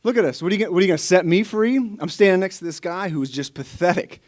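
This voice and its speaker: A man's voice: medium pitch, moderate pace, lightly acted. A young man playing Barabbas, the freed criminal. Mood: incredulous. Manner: casual, incredulous, rambling. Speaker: student actor.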